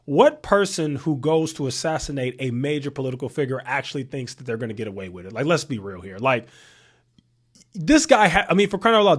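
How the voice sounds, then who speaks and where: A thirty-year-old man talks straight to his audience in a casual commentary, leaning on rhetorical questions and repeating key points for emphasis. His voice sits a little higher than most men's. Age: 30s. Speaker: commentary channel host.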